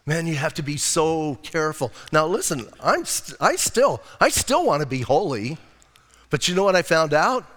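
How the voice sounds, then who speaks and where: A man's voice: a little high, very animated, normal speed, a bit bright. An older man preaching a sermon as a pastor, conversational and emphatic, with frequent casual asides. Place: church sanctuary. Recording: long church reverb.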